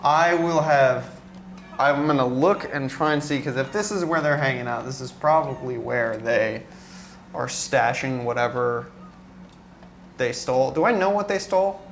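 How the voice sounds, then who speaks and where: Male player, relaxed and chatty, plans his moves aloud; mid pitch. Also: normal speed, slight background noise. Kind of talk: casual tabletop game play.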